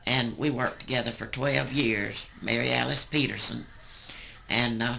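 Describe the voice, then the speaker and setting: Sweet old southern granny, creaky gravelly bright voice, rambling folksy family stories. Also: female voice, a bass voice, rough recording. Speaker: grandmother recounting family stories. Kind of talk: casual oral storytelling.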